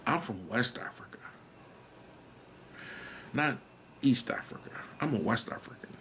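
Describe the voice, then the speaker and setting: At a measured pace, an American man in a mid-range, animated and fairly bright voice hosts a solo podcast monologue with slight background noise. He drifts through musings and self-questioning, trailing off, dropping to a whisper at times and swearing in a casual way.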